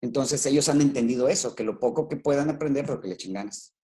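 A man's voice: medium pitch, fast, dark tone. A man with a Mexican Spanish accent, a schoolteacher explaining his work in a casual interview, talking with many fillers and restarts. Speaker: rural schoolteacher, guest.

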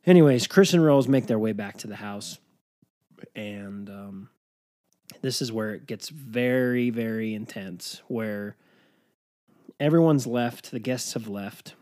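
A man's voice: lowish voice, slow, mellow. A man hosting a podcast, recapping a film in a rambling, casual way with frequent swearing and laughter. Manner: rambling, profane, laughing storyteller. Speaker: podcast host.

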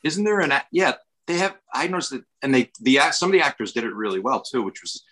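A man's voice: mid-range voice, lively intonation, quick pace, bright, forceful tone, low-quality recording. A man with an American accent from New York state, chatting casually and rambling with lots of restarts. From Westchester, New York, USA. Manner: rambling, many restarts and fillers. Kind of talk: casual chat.

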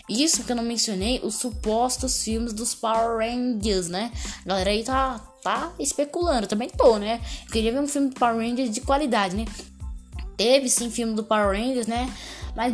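A woman with a Brazilian Portuguese accent hosting a casual solo podcast, talking in an excitable, slangy, rambling way. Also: medium pitch. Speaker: podcast host.

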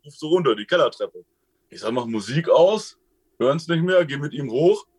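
A man in a casual interview, telling his own experiences in a rambling, colloquial way and often tagging sentences with a quick question. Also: on the high side, expressive, slightly rough. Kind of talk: casual storytelling.

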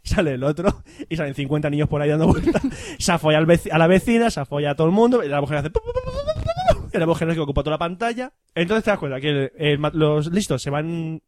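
A man hosting a casual film chat, rambling and joking, acting out scenes from the films in quick voices. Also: fairly high pitch, animated, darkish tone, no echo, studio quality. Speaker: podcast host.

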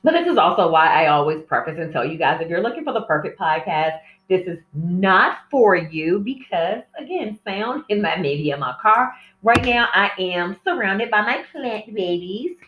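A woman hosting her own podcast speaks at a moderate pace in an expressive, mid-range voice, candid and casual, rambling and easily pulled off track. She's heard through a cell phone set away from her in an indoor room with plants, the sound echoey, distant, and dull.

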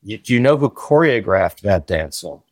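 A man's voice: on the low side, big pitch swings, normal speed, no room sound. A man chatting as a guest on a podcast, eagerly sharing film trivia. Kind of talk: casual podcast chat.

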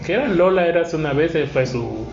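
A man's voice: a little high, expressive, a little fast, gravelly, darkish tone. A man with a Mexican accent chatting casually as a podcast host, in slangy, swearing, bro-like banter. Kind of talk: casual group chat. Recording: roomy, slightly dull, music behind.

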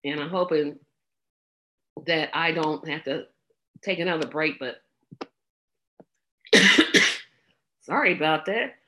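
Slow, low-voiced woman with scratchy throat. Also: pushed and bright. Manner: blunt, exasperated, many ums. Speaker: political commentator. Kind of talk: casual election-night commentary.

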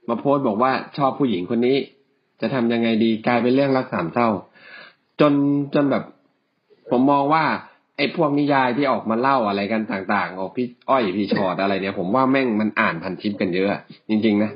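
A man co-hosting a podcast, chatting casually with crude slang and frequent laughs. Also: mid-range voice. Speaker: podcast co-host. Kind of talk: casual chat. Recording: dull lo-fi sound.

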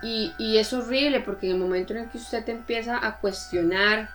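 A woman with a Costa Rican Spanish accent, co-hosting a podcast and telling stories in a lively, animated way. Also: fairly high pitch, moderate pace, soft background music. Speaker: podcast co-host. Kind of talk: casual chat.

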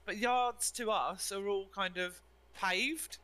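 A woman's voice: medium pitch, slow pace, fairly bright tone, rough recording. A British woman co-hosting a casual chat, talking in a rambling, chatty way and laughing often. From United Kingdom. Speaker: co-host.

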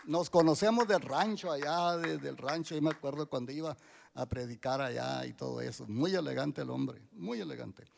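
Man in his 60s, gravelly, slightly high voice, halting church testimony. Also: a little hiss or hum. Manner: halting, many restarts and fillers. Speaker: church member giving testimony.

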